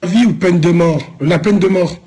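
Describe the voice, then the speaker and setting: A man's voice: high-pitched, a little slow, warm tone, husky. A man from Lyon, France, streaming live, answering viewers in a loose, rambling, teasing way full of street slang. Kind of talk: casual live-stream chat.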